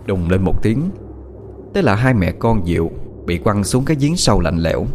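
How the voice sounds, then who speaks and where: A man's voice: fairly low pitch, lively intonation, moderate pace, a little hiss or hum. Man narrating a ghost story. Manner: dramatic, suspenseful reading. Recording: soft music behind the voice.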